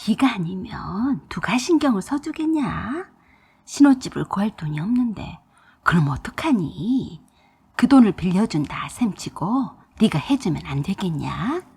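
Lady doing a pushy old mother-in-law, hushed nagging voice, kinda husky, swoops around. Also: mid-range voice, sing-song, unhurried, exaggerated voice. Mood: coaxing. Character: scheming older mother-in-law, pushy and demanding. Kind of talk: storytelling.

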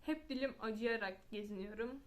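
Young female vlogger, slightly high voice, self-deprecating casual chat with lots of restarts. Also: moderate pace. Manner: chatty, self-mocking, with frequent restarts and trailing fillers. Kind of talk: casual confessional chat to camera.

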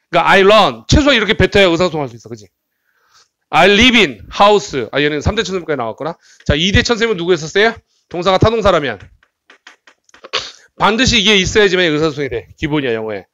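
A man's voice: sits high, a bit bright, dry recording. A man teaching English grammar at a cram school, reading English sentences aloud and translating them while checking students with tag questions. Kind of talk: exam-prep grammar lecture.

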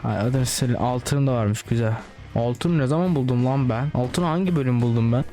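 A man giving casual let's-play commentary, excitable, swearing and talking straight to his viewers. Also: mid-range voice, moderate pace, faint music behind. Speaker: gaming channel host.

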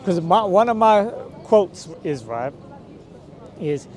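Slow and sing-song, a high male voice with a darkish tone belongs to a street preacher chatting outdoors in a busy city square. Recorded by a camera mic from a few meters away, he presses his questions persuasively, repeatedly checking with things like "right?".

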